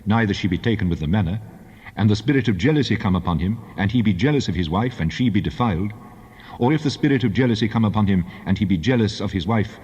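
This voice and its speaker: An actor playing God as a solemn, commanding deity, pronouncing law in a measured, authoritative way in a dramatized scripture reading. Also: male voice, lowish voice, darkish tone, breathy edge. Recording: long hall reverb, dull band-limited sound.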